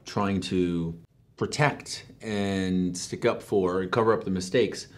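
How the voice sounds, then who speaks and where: A man's voice: deep voice, slow pace. A man in a casual conversation, talking bluntly and swearing freely about making military comedy. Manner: blunt, profane, relaxed. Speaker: show co-creator discussing military comedy.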